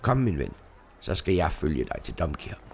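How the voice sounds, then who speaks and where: A man voicing a big, broad-shouldered middle-aged dealer with a deep voice and a blunt, firm way of speaking in a storybook reading. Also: big pitch swings, a little hiss or hum, exaggerated voice. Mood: gruff firm.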